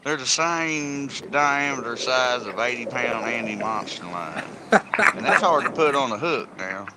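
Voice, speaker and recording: A man's voice: mid-range voice, lively intonation, unhurried, background noise. Folksy man chatting while fishing outdoors. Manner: folksy, laughs often. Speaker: fishing vlog host. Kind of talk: casual chat while fishing. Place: outdoors at a ditch by a river.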